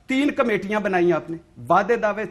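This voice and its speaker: Angry man firing rhetorical questions. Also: sits high. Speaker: journalist guest. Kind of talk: heated talk-show debate.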